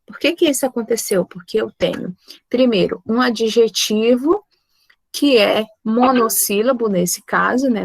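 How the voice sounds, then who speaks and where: A woman's voice: on the high side, gravelly, no room sound. Woman, English teacher, patient explainer, dry close sound. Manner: patient, repeats points with checking tags. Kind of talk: explaining grammar to students.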